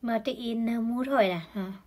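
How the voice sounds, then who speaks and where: A woman explaining health topics in a conversational way, often adding tag particles to her sentences. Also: moderate pace. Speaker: health educator.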